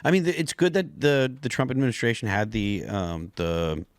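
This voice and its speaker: A man in a casual political discussion who talks haltingly, restarting his sentences and hedging with "I think.". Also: medium pitch, very animated, smooth, no room sound.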